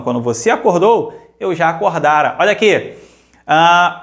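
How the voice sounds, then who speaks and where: This grammar teacher is a man with a Brazilian Portuguese accent and a voice that sits high. He keeps things lively, repeating examples slowly and asking questions to make sure students follow.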